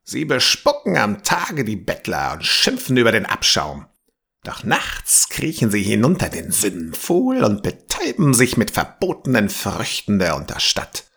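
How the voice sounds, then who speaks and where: Man playing an old bearded man, grumbling, slow, gravelly voice, husky, grave warnings. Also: on the low side, wildly swooping pitch, fairly bright tone, voice pushed up, exaggerated voice. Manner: slow, grave warnings, sometimes dropping to a whisper.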